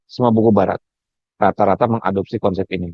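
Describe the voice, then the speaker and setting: A man with an Indonesian accent giving a casual lecture to a free webinar. He repeats his phrases again and again to make his point, and his pitch swings up and down. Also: fairly even intonation, fast talker, no room sound. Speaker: speaker teaching a free webinar. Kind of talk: casual lecture on a healing method. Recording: dull, dry lo-fi recording.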